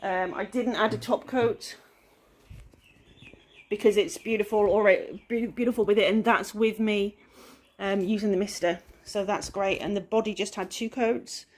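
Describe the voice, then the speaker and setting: A woman's voice: medium pitch, steady tone, normal speed. Woman, West Country English accent, chatty DIY vlogger, rambles and pokes fun at herself. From England-Wales border, UK. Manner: chatty, rambling, self-deprecating. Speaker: furniture flipper. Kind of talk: casual DIY vlog narration.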